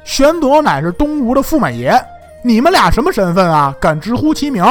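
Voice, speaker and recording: A man's voice: very high voice, very animated, a little fast, faint music behind, pitched above the performer's own voice. A man playing imperious noblewoman Lady Sun. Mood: scolding. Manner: sharp scolding, imperious. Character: proud, fierce young noblewoman, Lady Sun.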